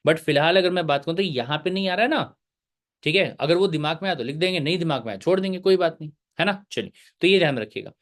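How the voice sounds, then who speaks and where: A man's voice: on the high side, fast talker. A male teacher giving a live online lecture, chatty and joking, mixing English terms into his talk.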